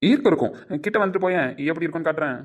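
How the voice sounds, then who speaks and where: A man's voice: a little high, lively intonation, racing, close to an everyday voice. A man playing a playful husband who banters with his wife in a mock-stern way. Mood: bantering.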